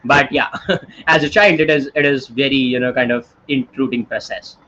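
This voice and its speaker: A young Indian man in his twenties leads an online workshop in a bright, forceful, mid-range voice at normal speed, speaking Indian English. He tells animated stories chattily and keeps checking in with tag questions. The audio is dull and lo-fi, like a computer-mic stream, with a faint hiss.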